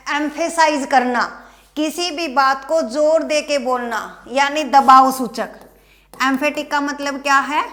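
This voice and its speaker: High-pitched, slow Indian woman teaching. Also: bright, forceful tone. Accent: Indian, Haryana. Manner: asks students questions and answers them herself, stresses key words. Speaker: English teacher. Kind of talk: classroom grammar lesson.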